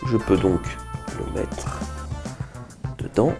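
Loud music plays under a man's low-pitched, slow voice as he hosts a science video. He's in his thirties, seated at a table in a small indoor room, enthusiastically chatting through a chemistry experiment he explains and performs.

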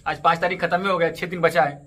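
A man in his thirties with a slightly high, sharp voice speaks at a quick pace with little pitch movement. He's a cricket ticket update YouTuber filming a casual tutorial vlog indoors in front of a green screen stadium backdrop. He guides viewers through app steps and keeps asking them to subscribe and join his channels.

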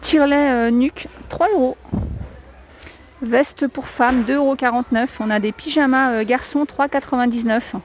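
This high-voiced woman keeps a moderate pace and fairly even intonation while filming a discount-store walkthrough on a handheld camera. Speaking French with a non-native accent, she chats casually yet hesitantly, listing prices between many fillers; she is an adult with a young child. The recording is rough, with a little hiss or hum.

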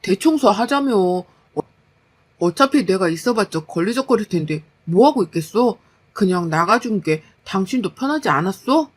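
A woman's voice: medium pitch, animated, moderate pace, husky. A woman voicing a whiny, lazy husband. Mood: grumbling, defensive. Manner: whiny, dismissive. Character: lazy, defensive young husband, grumbling.

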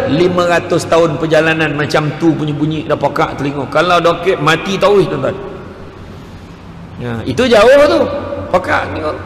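A male preacher with a Malaysian Malay accent giving a dramatic, storytelling religious lecture. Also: high-pitched. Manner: dramatic storytelling, rising to near-shouts. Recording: echoey hall with faint noise.

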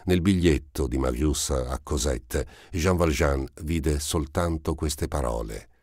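A man narrating a classic novel for an audiobook in a steady, measured reading. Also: a bass voice, husky, no echo, studio quality.

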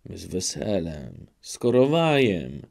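A man's voice: low-pitched, sing-song, slow pace, vocal fry, a little mellow, full character voice. A man doing a humble old peasant elder. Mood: pleading. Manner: pleading, bowing, rustic speech.

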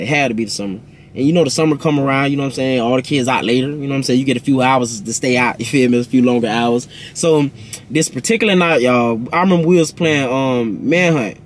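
A young man telling a casual storytime in an animated, rambling, slangy way. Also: on the high side, slight background noise. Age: young adult. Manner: animated, rambling storytelling with slangy talk and repeated tag questions. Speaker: vlog host. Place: inside a parked car.

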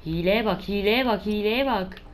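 A woman's voice: mid-range voice, moderate pace, noisy background. A woman giving let's play commentary, exasperated and cursing at enemies. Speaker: gamer playing a survival shooter.

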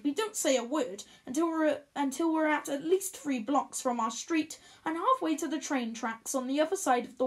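High-voiced woman reading a story. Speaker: audiobook reader. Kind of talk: first-person storybook narration.

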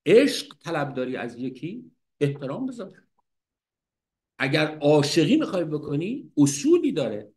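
A man with a fairly high voice leads a casual lecture on classical poetry. He recites verses slowly and then explains them in lively everyday speech, often stopping to restate the point. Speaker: literature teacher and host.

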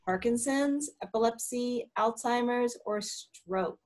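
Woman, webinar host, video call, slightly high voice, encouraging, reads quiz options. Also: slow pace. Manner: friendly, encouraging, reads poll options aloud. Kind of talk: hosting an online talk, running polls.

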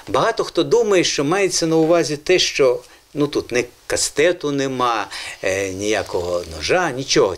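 A male TV host speaks in a teacherly, encouraging way, his pitch rising and falling a great deal as he explains words to children in a studio. His tone is patient and explanatory, and his voice sits at an ordinary middle pitch for a man. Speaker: children's language show host. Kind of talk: educational TV presenting.

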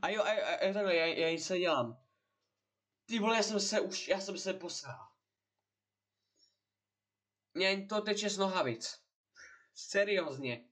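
Young man yelling and swearing while gaming. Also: sits high, expressive, long pauses. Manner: swearing and yelling when scared. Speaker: gaming streamer. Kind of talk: live gameplay commentary. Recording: noticeable background noise.

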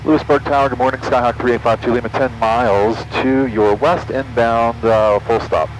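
A student pilot, a man, making brisk clipped radio calls to the tower over his headset from a small plane cockpit. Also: mid-range voice, fairly even intonation, a little hiss or hum, low-quality recording. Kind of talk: radio calls to air traffic control. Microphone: cockpit headset mic.

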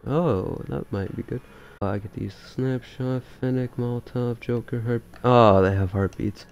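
A man giving casual, excitable commentary while playing a shooter game, swearing and thinking aloud. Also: mid-range voice, normal speed, creaky, clear, resonant tone, muffled recording. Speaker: gamer.

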